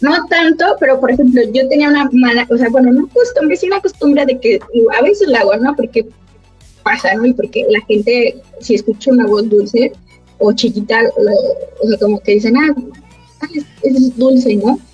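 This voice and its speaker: Woman, high voice, husky, dry sound, muffled recording, faint music, chatty. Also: moderate pace, darkish tone, no echo. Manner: chatty, laughs often, acts out quoted voices. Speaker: voice actress guest. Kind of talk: casual chat.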